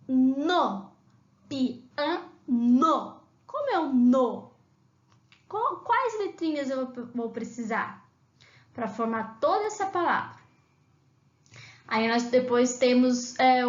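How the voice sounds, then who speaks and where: A woman's voice: sits high, lively intonation, takes it slowly, long pauses. A woman teacher with a Brazilian Portuguese accent, explaining a remote lesson to young children and patiently sounding out syllables. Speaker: primary school teacher. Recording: echoey room, dull lo-fi sound.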